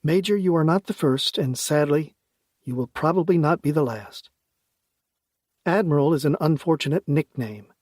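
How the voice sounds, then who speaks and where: A man's voice: fairly high pitch, normal speed, darkish tone, no echo, clean studio sound, lightly acted. A man reading a blunt young starship captain woman. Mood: resigned. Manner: curt, exasperated.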